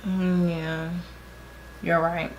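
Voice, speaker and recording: A woman's voice: fairly low pitch, little pitch movement, extremely slow, lo-fi sound, background noise. Tipsy, giggly young woman chatting bluntly. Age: 20s. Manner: blunt, teasing, swears freely. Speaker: vlogger doing a makeup challenge. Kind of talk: casual chat while applying makeup.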